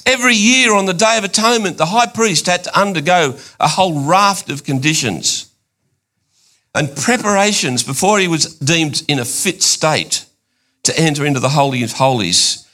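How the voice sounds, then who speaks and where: Excitable preacher, bright voice. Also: male voice, normal speed. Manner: excitable, rising to high emphatic bursts then dropping quiet and intimate. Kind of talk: sermon.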